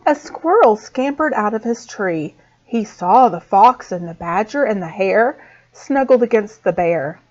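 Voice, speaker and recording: A woman teacher reading a storybook aloud to small children, expressive and slow. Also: mid-range voice. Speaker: preschool teacher. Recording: dull lo-fi sound.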